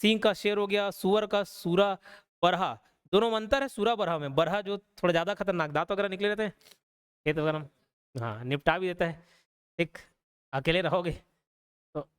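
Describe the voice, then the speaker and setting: A man's voice: sits high, moderate pace, long pauses, clean tone. A young adult man teaching a live online class, explaining casually and checking in with listeners with a frequent "okay?". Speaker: online exam-prep teacher.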